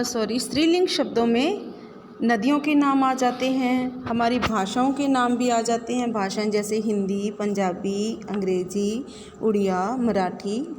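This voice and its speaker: A woman's voice: on the high side, darkish tone, in a large hall, slight background noise. A woman teaching a Hindi grammar lesson, listing word examples one by one and checking in with a rising "है ना?". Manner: lists examples with frequent rising "है ना?" check-ins.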